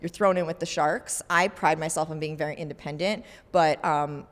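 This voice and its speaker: A woman's voice: sits low, steady tone, moderate pace. Chatty woman co-host, echoey room. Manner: chatty, frequent fillers. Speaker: podcast co-host. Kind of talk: casual chat.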